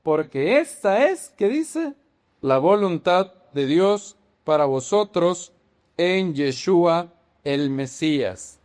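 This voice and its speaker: Slow, emphatic male preacher. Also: a little high. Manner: slow, emphatic, asks the congregation questions and repeats phrases. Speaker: teacher preaching to a congregation. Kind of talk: sermon.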